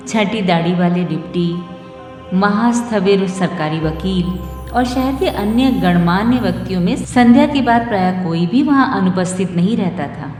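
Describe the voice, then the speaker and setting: A woman narrating a literary short story in a measured, formal storytelling manner. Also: mid-range voice. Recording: roomy reverb with soft music.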